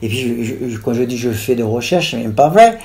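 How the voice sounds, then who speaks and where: A woman's voice: a bass voice, animated, fairly quick, mellow. Woman, sixties, from Brazil. Author guest, rambling and list-heavy. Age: 60s. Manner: digressive, piles up lists and restarts. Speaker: author being interviewed. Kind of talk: conversational interview.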